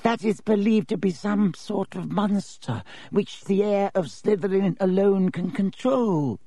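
A man voicing an old male ghost history professor with a dry, reedy voice and a slow, pedantic, dismissive way of lecturing. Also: high-pitched, warm tone, no echo, pitched above the performer's own voice.

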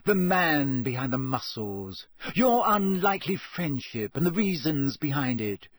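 A man voicing Rita Skeeter, a smug, scheming woman journalist who talks fast and condescendingly in an audiobook reading. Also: a little high, big pitch swings, dry recording. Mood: sugary.

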